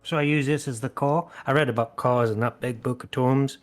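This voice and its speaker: A man's voice: mid-range voice, fairly even intonation, brisk, soft background music. A man chatting casually as a player in a tabletop game.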